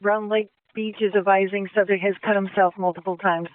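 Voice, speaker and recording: A man's voice: sits high, little pitch movement, fairly quick. A man dispatching over police radio, repeating back each report in short clipped phrases. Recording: tinny police radio transmission.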